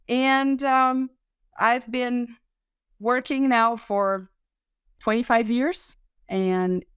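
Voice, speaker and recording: A middle-aged Brazilian woman with a Brazilian Portuguese accent, a podcast guest talking in a relaxed, thoughtful way with many ums. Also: mid-range voice, smooth, no room sound, clean studio sound. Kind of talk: podcast interview.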